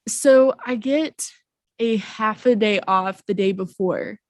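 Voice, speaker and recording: Woman podcast co-host, getting over a cold, very slow unhurried delivery, close dry mic. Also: mid-range voice, a little mellow, no room sound. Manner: slow, drawn-out talk with frequent pauses. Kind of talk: casual chat. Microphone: podcast microphone.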